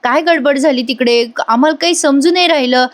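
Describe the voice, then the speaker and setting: A woman voicing a worried, caring young man who gently asks what happened. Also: high voice, brisk, voice pushed up, natural voice. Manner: gently questioning.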